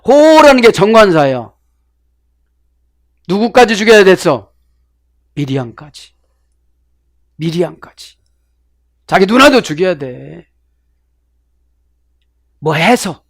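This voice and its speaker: A middle-aged man preaching with animated swings from loud outbursts to hushed asides. His voice sits a bit high for a man. The sound is dry and close, with no room echo. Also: takes it slowly, pauses often. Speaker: pastor. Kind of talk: sermon with Bible word study.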